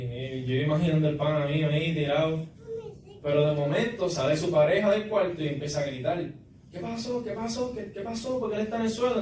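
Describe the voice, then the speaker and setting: Halting man in echoey hall. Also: a little high, darkish tone. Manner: halting, repeats words while storytelling. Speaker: testimony giver. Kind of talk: church testimony. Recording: echoey room, distant mic, noisy.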